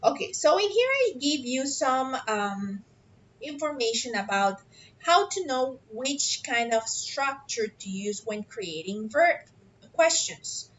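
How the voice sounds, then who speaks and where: A woman teacher with a somewhat high voice walks her class through an assignment at an unhurried pace. She explains step by step and keeps checking that everyone follows. The video call audio is dull and lo-fi, with faint noise behind her. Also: lively intonation, fairly bright tone. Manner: patient, explanatory, checks understanding with frequent "ok?". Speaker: online English teacher. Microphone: computer mic on a video call.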